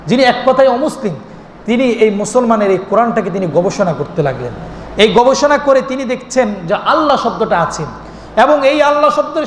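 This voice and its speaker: A male preacher giving a sermon. He often asks questions and answers them himself, and sometimes breaks into drawn-out chanted calls. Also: very high voice, a bit bright. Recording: echoey hall recording with faint noise.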